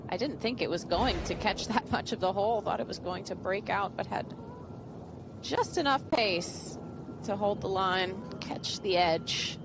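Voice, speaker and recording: A woman's voice: medium pitch, measured pace. A woman giving live golf commentary as an analyst, in short, clipped analytical remarks. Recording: noisy outdoor broadcast ambience. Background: outdoor golf course ambience.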